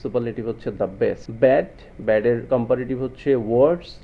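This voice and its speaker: A man's voice: medium pitch, normal speed, gravelly, dull audio. A man teaching a grammar lesson to students, often asking them rhetorical questions. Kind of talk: explanatory lesson.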